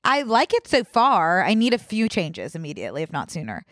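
A woman with a lively, swinging intonation chats as a podcast co-host. She is playful and informal, and the recording is dry and close. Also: on the low side, a little fast, no echo. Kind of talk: casual chat.

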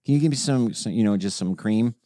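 A man's voice: on the low side, fairly quick, warm tone, dry recording, clean studio sound. A man chatting casually and comedically, playfully acting out bits of dialogue as he tells stories. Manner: playful, mimics others in dialogue.

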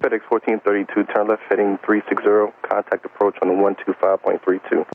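Air traffic controller over tinny radio. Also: male voice, fairly low pitch, level tone, fast talker. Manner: clipped radio phraseology. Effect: air traffic control radio transmission. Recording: tinny radio with faint hiss.

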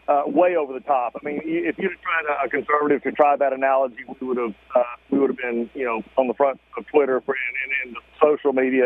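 A man calling in to a political radio show from a car stopped at the roadside. He talks quickly and emphatically with frequent restarts, and his phone line is muffled, as if he were in a tunnel. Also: medium pitch, no room sound. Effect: muffled phone line that sounds like he is in a tunnel.

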